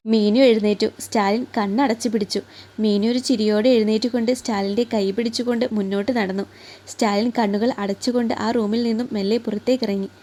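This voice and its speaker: A woman storyteller reading a romance story aloud in a soft, even manner. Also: medium pitch, quick pace. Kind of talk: scripted narration of a romance story.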